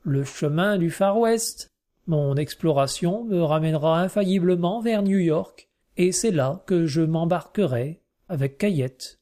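Man doing a reserved gentleman traveller in a storybook, measured and courteous, voice raised a little, mellow. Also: on the high side, natural voice. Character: Monsieur Serge, reserved Russian gentleman traveller.

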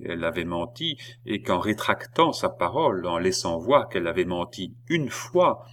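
A man narrating a classic novel in a measured, expressive reading. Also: low-pitched. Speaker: audiobook reader. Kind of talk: literary narration.

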